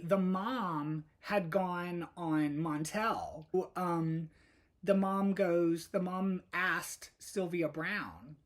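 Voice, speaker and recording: A woman hosting a casual solo podcast, chatty and rambling, with frequent fillers. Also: on the low side. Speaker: podcast host.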